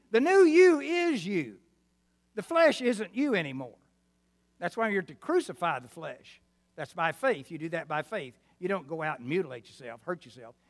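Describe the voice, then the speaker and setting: A male preacher in his seventies delivers a sermon in a West Texas twang. His voice sits high for a man and swings widely between hushed lows and emphatic peaks. He is folksy and calls for responses, with long hall reverb around him. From Arkansas, New Mexico and West Texas, United States. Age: 70s.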